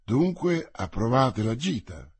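A crafty old cardinal, anxious and wheedling, as a man reads him. The voice is husky and slightly breathy, recorded close and dry. He presses his point with insistence. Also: mid-range voice, big pitch swings, slow, no echo, heavily acted. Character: scheming, anxious older male cardinal minister. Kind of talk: audiobook character voice.

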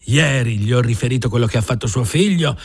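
A man's voice: medium pitch, brisk, slightly rough, pitched above the performer's own voice. A man reading an audiobook voices a worried older ranch foreman who frets and sighs. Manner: worried, sighing.

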